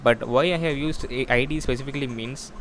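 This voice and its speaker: Speaking at a medium pitch, a man walks through an informal software demo, his explanations halting and repetitive. The recording is clear, with steady background noise.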